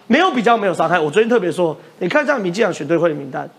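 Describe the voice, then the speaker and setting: A man's voice: high-pitched, very animated, very fast, husky. A man with a Taiwanese Mandarin accent hosting a political talk show, arguing point by point with emphatic rhetorical questions. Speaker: host.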